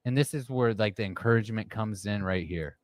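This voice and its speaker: A man's voice: on the low side, brisk, no room sound. A man co-hosting a live chat who drops wry, teasing quips. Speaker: co-host. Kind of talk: casual live-stream chat.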